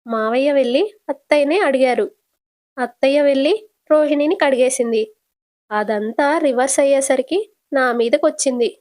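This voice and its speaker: A woman voicing a gentle, modest young married woman who explains things patiently, in a casual serial retelling. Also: sits high, moderate pace, lightly acted.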